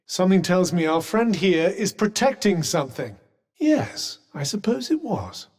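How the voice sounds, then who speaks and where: In a full character voice that sits high with big pitch swings and a slightly slow pace, this man plays a haughty, erudite magical cuff in a fantasy game. He speaks scripted companion lines in a British accent, wry and composed, with polished diction and dry sarcasm.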